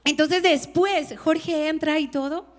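A woman's voice: sits high, slow pace. A woman pastor, telling a personal story in a conference sermon and acting out the voices of the people in it. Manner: animated storytelling, laughing, acting out quotes. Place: conference stage.

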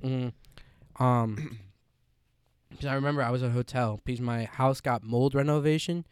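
A man's voice: mid-range voice, measured pace, clear, resonant tone, dry recording, studio quality. A young man co-hosting a casual podcast, talking animatedly with lots of "like" and casual swearing. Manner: animated, filler-heavy with many "like"s, swears casually. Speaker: podcast co-host. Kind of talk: casual chat.

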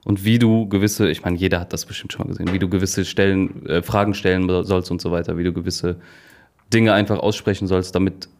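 A man's voice: sits low, steady tone, fast, a little mellow. A young man co-hosting a casual podcast, easygoing and rambling, laughing often. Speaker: podcast co-host. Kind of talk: casual chat.

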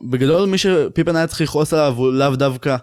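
A man co-hosting a sports podcast, explaining things in a measured way. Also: a little high, a little mellow, dry recording, studio quality. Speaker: podcast co-host. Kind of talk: casual sports talk.

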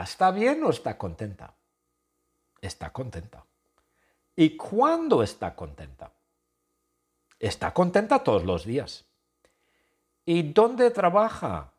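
A man's slightly breathy voice carries an unhurried story built for language learners. His pitch jumps widely as he mimics gunshots and cheering crowds, and he circles back over each phrase before moving on. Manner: animated, with sound effects and shouted crowd noises; speaks slowly and repeats phrases. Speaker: Spanish teacher telling a story. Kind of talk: slow storytelling lesson for learners.

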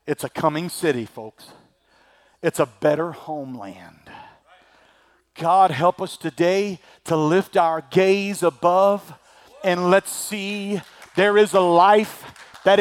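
This high-pitched male preacher takes his time, his throat a little scratchy, as his sermon alternates between booming declarations and soft side remarks.

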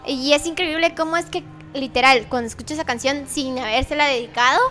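High-voiced chatty young woman. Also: fairly quick, sharp tone, faint music behind. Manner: chatty storyteller, laughs often, acts out quoted dialogue. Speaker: podcast host. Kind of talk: casual chat.

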